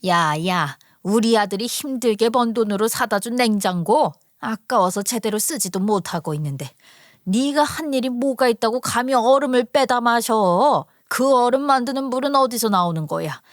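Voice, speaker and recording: A woman's voice: medium pitch, normal speed, no room sound, clean studio sound, close to an everyday voice. A woman voicing a stingy, bossy older mother-in-law who scolds harshly in a told story. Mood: scolding.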